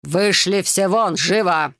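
Lady playing a cold nasty baron, low and slow, curt commands, bit gravelly, dry close sound. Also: level tone, no echo. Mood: angry. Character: cold, cruel middle-aged baron, harsh father.

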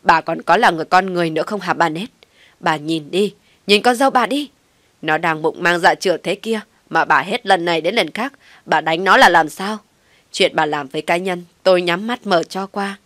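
A woman's voice: lowish voice, steady tone, normal speed, dry recording, lightly acted. A woman voicing an older man who scolds his wife in a roaring voice. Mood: furious. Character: furious old father-in-law, man shouting.

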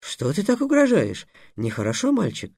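Жадный восточный работорговец, торгующийся с напускной добродетелью, в исполнении мужчины; речь певучая, интонация живая. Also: male voice, high voice, huge pitch swings, normal speed, a little mellow, no room sound, studio quality, pitched above the performer's own voice, full character voice. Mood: menacing. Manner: smooth, bargaining, mock-pious. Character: sly, greedy middle-aged male slave trader.

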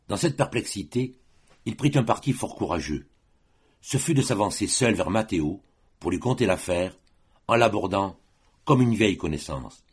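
A man narrating a classic short story as an audiobook reader, in an expressive, measured way. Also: sits low, slightly rough.

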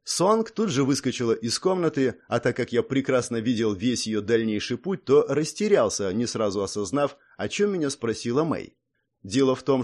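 Man narrating an audiobook, lively pitch. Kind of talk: first-person audiobook narration.

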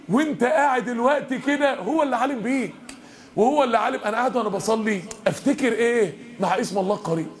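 A man with an Egyptian accent giving an impassioned mosque lesson and speaking straight to his listeners. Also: extremely high pitch. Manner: impassioned, addresses the crowd directly. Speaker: preacher.

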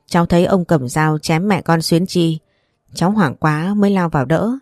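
A woman's voice: on the low side, moderate pace, darkish tone, dry recording, clean studio sound, soft background music, natural voice. A woman voicing a polite young man who earnestly explains. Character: young man, polite nephew-in-law, apologetic.

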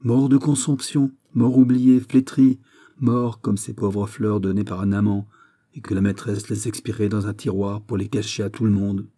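Brief: male reader voicing a wary, grieving queen in an audiobook, low husky tone. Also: steady tone, moderate pace, mellow, lightly acted. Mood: sorrowful.

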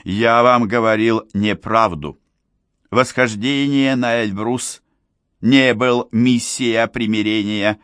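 Man doing a hoarse old foreign man. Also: mid-range voice, slow pace, fairly bright tone, no echo. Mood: pleading confession. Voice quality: hoarse, broken Russian grammar.

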